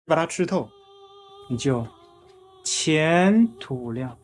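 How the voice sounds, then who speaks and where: A man's voice: fairly high pitch, expressive, slow pace. A man acting a bossy, patronising Chinese audition official with a lecturing, condescending manner.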